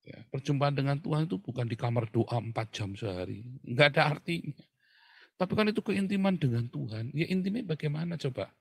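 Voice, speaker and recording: A middle-aged man from Tegal with a Tegal Javanese accent, preaching a casual sermon as a pastor, animated, swinging between loud emphasis and hushed asides. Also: on the high side, fairly quick, vocal fry, breathy edge, no echo. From Tegal, Central Java.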